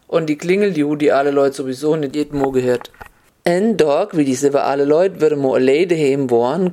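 A storyteller telling a fable in broad Upper Hessian dialect, with a mid-pitched voice. Key words get stretched out slowly for effect, in an unhurried reading. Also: mellow.

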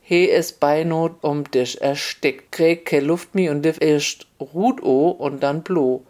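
Speaking at a moderate pitch with a steady, leisurely pace, a storyteller recounts a comic folk tale in a relaxed and wry style.

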